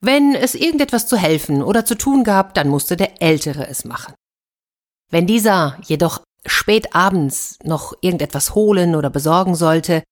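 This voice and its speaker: A woman reads a fairy tale aloud for children with expressive, storybook delivery. Her voice sits slightly low for a woman.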